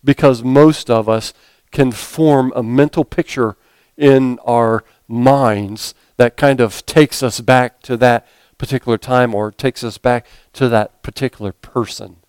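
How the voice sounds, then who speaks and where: Smooth-voiced man preaching a sermon. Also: mid-range voice, fairly even intonation, measured pace, a little mellow, dry recording. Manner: conversational, hesitant with frequent fillers and self-corrections. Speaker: pastor.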